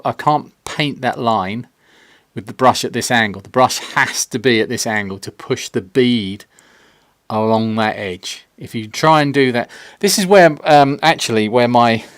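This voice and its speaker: A man's voice: mid-range voice, a bit bright, no echo, studio quality. A man chatting casually on a live stream as he paints a pinball cabinet, self-mocking and sometimes dropping to a near-whisper while he concentrates. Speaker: maker streaming a pinball build. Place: home workshop. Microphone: separate desk mic, not on camera.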